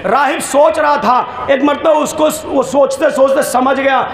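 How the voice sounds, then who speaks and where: A preacher from India telling a story in an impassioned, shouted sermon, repeating phrases for effect. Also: male voice, very high voice, steady tone, measured pace. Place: mourning gathering hall. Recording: echoey hall with a crowd.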